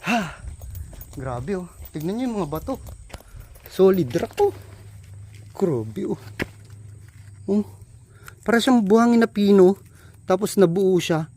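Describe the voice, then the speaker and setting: A high-pitched man talking slowly and unhurriedly into a handheld phone while hiking a steep outdoor trail. He is out of breath and exclaims over and over at the view. Crickets and other countryside sounds are heard faintly around him. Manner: excited, exclaims often, addresses viewers as trippers. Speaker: travel vlogger. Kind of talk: casual walking travel vlog.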